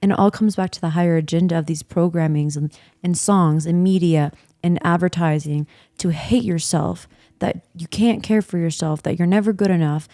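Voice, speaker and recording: Mellow low woman musing slowly. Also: fairly even intonation, no echo, clean studio sound. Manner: reflective and searching, many "like" fillers. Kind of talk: casual spiritual chat.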